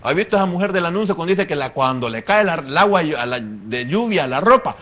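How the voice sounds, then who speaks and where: Male pastor, fairly high voice, animated preaching, muffled lo-fi recording. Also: a little fast. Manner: animated preaching, swinging from quiet to loud. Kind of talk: sermon.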